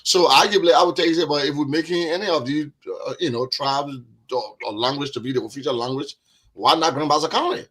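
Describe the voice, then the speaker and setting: Husky-voiced Liberian man. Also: fairly high pitch, fast, a bit bright. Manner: earnest, repeats words while building his point. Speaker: podcast guest. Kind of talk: discussion podcast.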